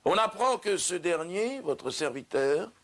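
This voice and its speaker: A man playing Judas as a solemn, self-important prophet, proclaiming slowly and grandly in a mock-solemn stage monologue. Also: high voice, lively intonation, fairly bright tone, echoey room, a little hiss or hum. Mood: grandiose.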